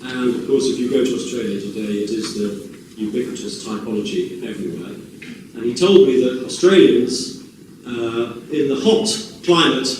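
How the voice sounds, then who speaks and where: A man's voice: medium pitch, slight background noise. Man, host introduction, rambling humorous anecdotes, very echoey lecture theatre, mic far off. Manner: rambling, warm-humoured storyteller.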